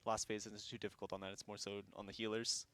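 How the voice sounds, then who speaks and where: A man chats casually as a raid leader on a livestream, speaking fast in a somewhat low voice. He's laid-back and loose, and his relaxed, unscripted talk is dotted with fillers and easy laughter.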